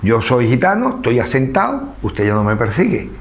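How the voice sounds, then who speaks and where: A man with an Andalusian Spanish accent speaks to an audience in an easygoing lecture manner. He keeps tossing in rhetorical questions and a tag "¿no?". His voice sits at an ordinary middle pitch for a man. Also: wildly swooping pitch, normal speed. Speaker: speaker at a book presentation. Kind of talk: informal public lecture.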